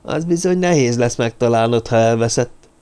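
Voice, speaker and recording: A man's voice: medium pitch, warm tone, clear, resonant tone, voice pushed up, close to an everyday voice. A man voicing a superstitious, anxious male tavern keeper in an audiobook. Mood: questioning.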